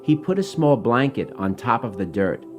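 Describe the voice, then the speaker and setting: A man with a mid-range voice reads his own rhyming children's story over music at a normal speed. His reading is expressive and dramatic.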